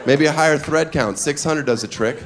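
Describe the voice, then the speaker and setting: Deadpan stand-up comic in a noisy club. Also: male voice, fairly high pitch, moderate pace. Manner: deadpan one-liners with sudden loud bursts. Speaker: stand-up comedian. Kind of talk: stand-up comedy set. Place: comedy club stage. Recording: live club with audience noise.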